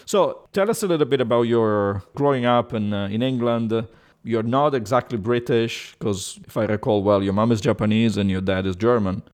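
A man's voice: medium pitch, moderate pace, darkish tone. A man hosting a radio interview, asking questions in a conversational, easygoing way. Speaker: radio host.

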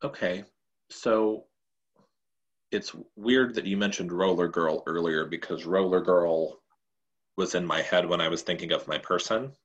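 A man's voice: deep voice, steady tone, a little slow, lo-fi sound. A man co-hosting a casual podcast chat, explaining a movie-trivia game in a chatty way. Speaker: podcast co-host.

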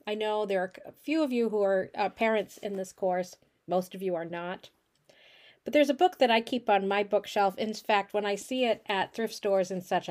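A woman's voice: mid-range voice, a little mellow. A woman instructor giving a casual, chatty recorded lecture to her course, with frequent fillers. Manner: chatty, many fillers and restarts. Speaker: college instructor.

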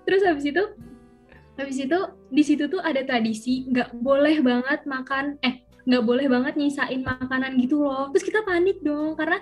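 A young woman from Riau tells travel stories in a relaxed chat. Her voice sits high and she talks in a lively, animated way, acting out the lines of people in her story. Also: normal speed, soft background music. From Riau, Indonesia. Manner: lively, animated, acts out quotes. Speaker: guest.

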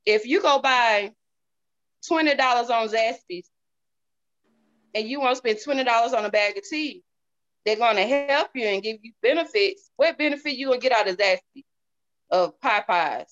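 A Southern woman from the US, an interview guest who sells a product, has a slightly high, somewhat bright voice with a Southern accent. She gives a folksy, candid testimonial in casual chat, repeating phrases to drive points home. The recording is dull and lo-fi.

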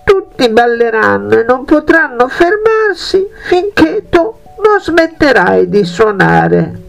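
Uomo che fa vecchietta, voce acuta e tremula, roca, fiaba. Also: male voice, extremely high pitch, very animated, slow, creaky, fairly bright tone, soft background music, voice pushed up, full character voice. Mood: kindly. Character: kind old woman granting magic.

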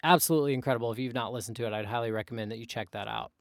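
A young man co-hosting a casual podcast, talking in a relaxed, rambling way with plenty of fillers and restarts. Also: medium pitch, racing, creaky, dry recording, studio quality. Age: young adult. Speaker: podcast co-host.

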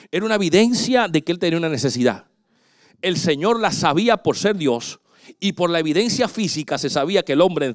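A pastor preaching a sermon, dramatic, swinging between loud exclamations and hushed asides. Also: male voice, a little high, no room sound, studio quality.

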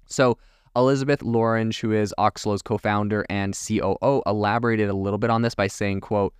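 Chatty low-voiced male podcast host. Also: fairly even intonation, a little fast, clear, resonant tone, dry recording, clean studio sound. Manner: chatty, lots of fillers like "like" and "you know". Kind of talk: casual solo commentary.

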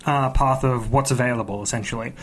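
A man with a mid-pitched voice talks casually as a podcast co-host. He is enthusiastic about his hobby and tends to ramble as he tells stories, in a relaxed conversational style. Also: a little fast.

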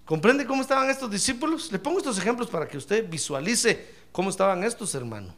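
Lively high-voiced male preacher. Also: quick pace. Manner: animated, addresses listeners as brother; humorous, acts out Bible scenes. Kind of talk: sermon.

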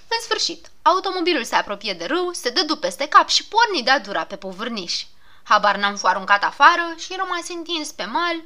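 A woman narrating a children's storybook in an animated, expressive way. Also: a little high. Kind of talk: storybook reading.

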